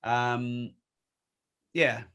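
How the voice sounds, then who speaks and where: A man's voice: mid-range voice, fairly even intonation, very slow, a bit bright, clear, resonant tone. A man in his forties, a guest in an interview, talking bluntly and emphatically and swearing freely. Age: 40s. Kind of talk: candid conversational interview.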